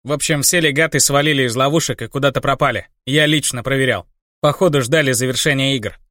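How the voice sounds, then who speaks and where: A man's voice: mid-range voice, fast, fairly bright tone, no room sound, clean studio sound, natural voice. A man reading an audiobook, voicing a chatty young male clan friend who shares news. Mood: serious.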